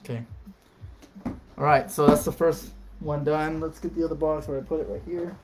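A man's voice: fairly high pitch, level tone, normal speed, background noise. A man chatting casually on a live stream, reading out card names and talking to viewers.

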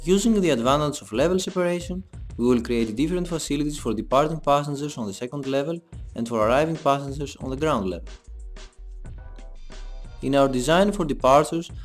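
A young man giving a scripted voice-over for a design presentation, in a measured, explanatory read. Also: fairly high pitch. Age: young adult. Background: soft background music.

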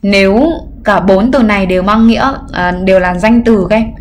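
A woman English teacher giving a livestreamed exam review lesson, explaining patiently and pausing on filler sounds. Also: mid-range voice, a little hiss or hum. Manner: explains patiently, often adds "các em" and "nhá"; frequent filler hesitations. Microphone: computer mic during livestream.

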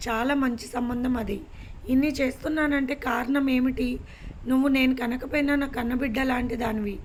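A woman reading as a gruff scolding uncle. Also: high-pitched, slight background noise, lightly acted. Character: rough uneducated middle-aged man, scolding.

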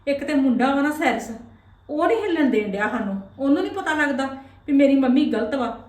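A woman's voice: high-pitched, expressive, brisk, a little mellow. A woman playing a wronged visiting aunt, lamenting aloud to herself. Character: wronged, self-pitying visiting sister and mother. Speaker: visiting aunt in a family skit. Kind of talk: comic family skit acting. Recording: echoey room, voice from a distance.

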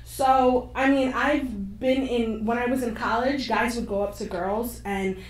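A young woman on a panel, telling a candid personal story with animated, frank delivery into a handheld mic on a stage. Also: a little high, unhurried. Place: stage of a screening room with an audience. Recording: echoey hall from far off, faint noise.

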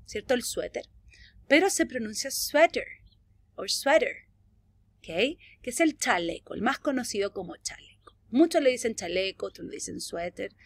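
A young adult woman with a Chilean Spanish accent, teaching a virtual English lesson to young children and drawing out each model phrase slowly. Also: dry recording. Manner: slow, drawn-out model phrases with lively pitch swings.

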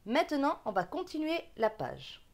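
A reading teacher with a regional French accent leads a slow lesson for beginners, sounding out syllables and patiently repeating each word. Her voice is high-pitched with wildly swooping pitch, at normal speed.

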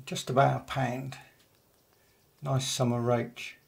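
A gravelly, medium-pitched older man, who vlogs about angling, narrates a day's fishing over the footage. He stays calm and matter-of-fact, taking his time and pausing frequently.

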